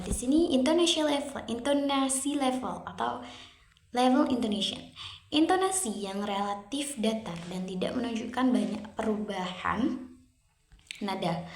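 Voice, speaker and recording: A young woman presenting a prepared lesson, reading her explanation at a steady, measured pace. She switches between English and Indonesian. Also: medium pitch. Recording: echoey room.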